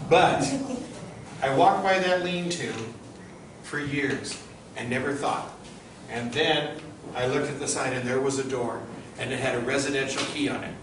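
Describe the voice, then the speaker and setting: A man's voice: medium pitch, normal speed. A middle-aged man giving an informal guided tour, telling stories to a group in a conversational way and putting questions to his listeners. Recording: distant, very echoey, noisy group-tour recording.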